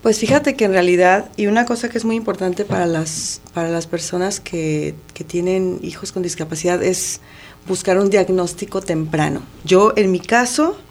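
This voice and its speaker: Mom on a radio interview, lowish voice, just chatting through answers. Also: female voice, normal speed, darkish tone. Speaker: interview guest, mother of an activist.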